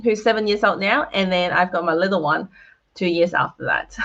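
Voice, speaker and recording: A woman's voice: fairly low pitch, moderate pace, gravelly, fairly bright tone, muffled recording. Cheerful woman presenting over a video call. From Hong Kong. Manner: cheerful, laughs often, speaks to viewers in the chat. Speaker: guest speaker. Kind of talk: online presentation with slides.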